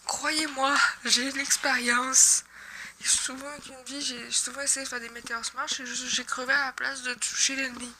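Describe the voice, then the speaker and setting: High, bright Québécoise gamer woman. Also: flat delivery, moderate pace, a little hiss or hum. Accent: Québécois French. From Quebec. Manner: chatty, joking, swears when she misses. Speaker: gaming YouTuber. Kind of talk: casual gameplay commentary.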